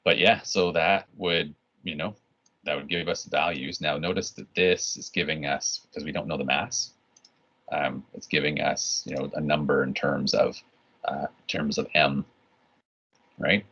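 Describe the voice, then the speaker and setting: Very deep gravelly male physics teacher. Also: steady tone, a little slow, a bit bright. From Canada. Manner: casual, rambling, lots of restarts and "right?". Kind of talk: recorded online lesson. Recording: dull lo-fi recording.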